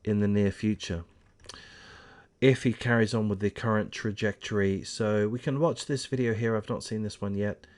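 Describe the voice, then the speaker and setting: Rambling, low-voiced man commenting on news. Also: steady tone, moderate pace, a little mellow. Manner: rambling, opinionated, frequent ums and uhs. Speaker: channel host. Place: home in Australia.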